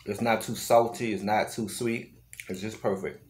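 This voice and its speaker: A woman reviewing snacks in a casual vlog, talking while chewing, relaxed and plain-spoken. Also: very deep voice, moderate pace.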